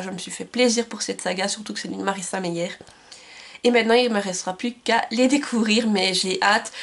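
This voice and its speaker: A woman's voice: mid-range voice, gravelly. A woman book vlogger chatting enthusiastically about books she received and bought, recorded on a camcorder. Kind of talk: casual book haul chat.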